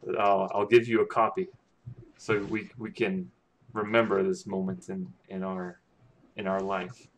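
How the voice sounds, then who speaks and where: A man's voice: low voice, little pitch movement, measured pace. A man doing a friendly nobleman at a feast. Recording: noisy with clicking.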